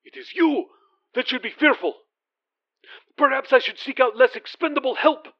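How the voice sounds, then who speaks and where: A man's voice: very high-pitched, slow, no room sound, dull audio, voice pushed up, heavily acted. A man voicing a commanding prince who speaks just above a whisper and turns cold and imperious. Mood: menacing. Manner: hushed then cold and imperious.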